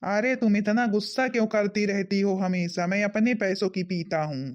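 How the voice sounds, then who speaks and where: In a Hindi cartoon, a performer voices a young husband, a drinker who becomes remorseful, pleading earnestly. The voice is medium-pitched and natural, with a steady tone at normal speed. The recording has a dull, lo-fi quality.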